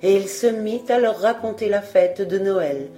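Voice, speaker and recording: A woman reading a fairy tale aloud as an audiobook narrator, calm and measured. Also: mid-range voice, faint music behind. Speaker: audiobook reader.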